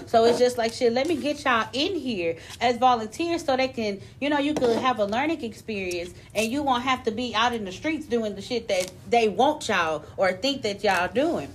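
A woman's voice: fairly high pitch, slight background noise. Frank, conversational woman on podcast. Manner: frank and conversational, swears freely. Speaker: podcast co-host. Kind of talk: casual chat.

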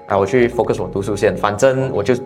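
A man's voice: fairly low pitch, quick pace, soft background music. A young man from Malaysia with a Malaysian Mandarin accent, chatting casually as an interview guest and sprinkling English words into his speech. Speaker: brand founder, guest.

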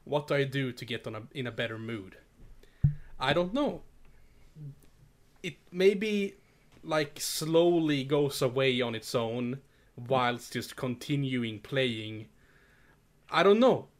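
A man's voice: mid-range voice, expressive, slow pace, long pauses, a little hiss or hum. A man in casual podcast chat, talking in a rambling, hesitant way and laughing often. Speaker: podcast co-host.

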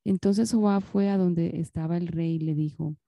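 Low gravelly woman reading scripture. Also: steady tone, normal speed, mellow, no room sound. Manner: careful reading with occasional self-corrections. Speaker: Bible reader.

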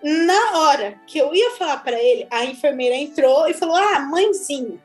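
A woman with a Brazilian Portuguese accent, chatting casually as she tells her own birth story, animated and quick to laugh. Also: high-pitched. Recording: echoey room with faint music.

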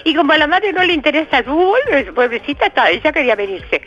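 An older woman with a Uruguayan accent calling in to a radio show, chatty and excited, laughing often and filling pauses. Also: sits high, highs cut off. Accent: Uruguayan Spanish. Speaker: radio caller. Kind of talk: casual phone chat.

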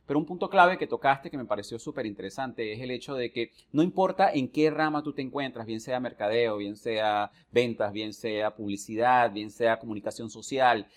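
A man from Venezuela hosting a podcast interview, his voice sitting at an ordinary middle pitch. He talks in a reflective, earnest way, stringing long thoughts together as he asks his guest questions. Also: normal speed, few pauses. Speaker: podcast host. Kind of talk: conversational interview.

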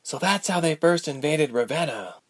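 A man's voice: on the high side, animated, normal speed, no echo, pitched above the performer's own voice. A man voicing a distressed young woman haunted by visions, anxious and pleading, turning angry. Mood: troubled. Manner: anxious, pleading, rising to anger. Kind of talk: audiobook character voice.

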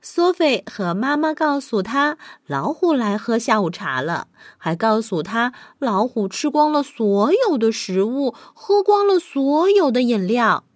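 A woman's voice: on the high side, a little slow, few pauses, no room sound, clean studio sound. A woman hosting a children's bedtime story show, narrating expressively as if speaking straight to young listeners. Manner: expressive, addresses children with questions.

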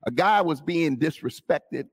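A woman preaching a sermon, calling out to the congregation and bursting into shouts. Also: low-pitched, lively intonation, unhurried, husky.

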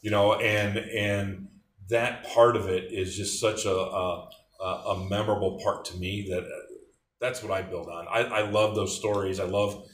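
Low-voiced middle-aged man telling old stories. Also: flat delivery, moderate pace, far from the mic, a little hiss or hum. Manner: rambling, warm storyteller with many restarts. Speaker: interviewee, former athletic trainer. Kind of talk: casual reminiscing. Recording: roomy echo.

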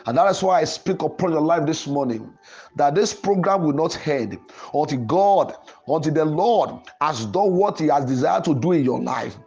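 Here a pastor who hosts a programme leads Pentecostal preaching and prayer, declaiming emphatically and circling back to the same phrases. His pitch is fairly high, his delivery animated and moderately paced, and his tone slightly mellow. The highs are cut off, and music runs in the background.

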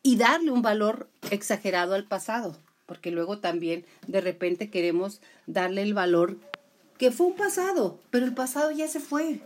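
A woman giving a motivational talk. She speaks in an animated way, with emphatic repetition, and acts out the complaints she quotes. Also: medium pitch, normal speed.

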